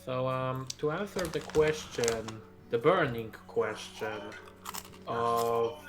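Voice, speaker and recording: A man's voice: mid-range voice, slow, music in the background. Rambling man telling stream stories. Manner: rambling storyteller with many ums. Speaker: co-host of a game stream. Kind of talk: casual gaming chat.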